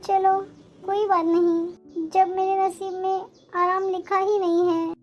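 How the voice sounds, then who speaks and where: A woman's voice: extremely high pitch, little pitch movement, slow pace, muffled recording. A woman voicing a resigned young daughter-in-law. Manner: resigned, wounded. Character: long-suffering young pregnant daughter-in-law.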